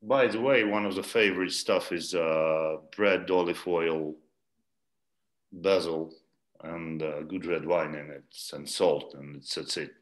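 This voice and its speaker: Deep slow guy from ukraine, laid-back on a video call. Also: steady tone. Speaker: guest. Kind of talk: casual online interview. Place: indoor room, video call. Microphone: laptop mic on video call.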